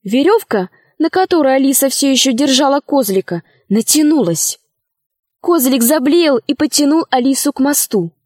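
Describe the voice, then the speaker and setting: A woman with a high, bright voice reads a children's storybook aloud, lively and expressive. The recording is close and very dry, with no room around it. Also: normal speed, no room sound. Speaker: narrator. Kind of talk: storybook reading.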